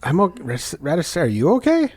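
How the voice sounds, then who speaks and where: A man's voice: fairly high pitch, wildly swooping pitch, fast, a little mellow. A man chatting casually as a tabletop game player, moving in and out of character.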